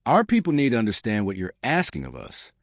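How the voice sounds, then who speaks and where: A man's voice: medium pitch, wildly swooping pitch, brisk, no room sound, studio quality. A man voicing a pleading starship captain. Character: human male starship captain, pleading on purpose.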